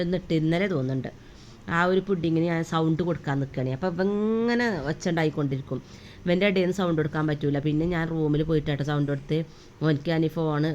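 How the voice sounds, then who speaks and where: A young mother talks through her day in a quick, homely, chatty voice-over. Her voice sits low for a woman. A faint room ambience hums underneath. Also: a little mellow, highs cut off, slight background noise. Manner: chatty, homely, with frequent tag words. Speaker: vlogger, mother. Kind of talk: casual day-in-my-life voice-over.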